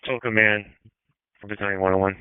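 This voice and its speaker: Guy running a fire scene over narrow radio, clipped orders, very flat low voice. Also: clear, resonant tone, dry recording. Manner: brisk, procedural firefighter radio talk. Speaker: fire battalion chief, incident commander. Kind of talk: fire radio dispatch traffic, clipped commands. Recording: narrow-band two-way radio transmission.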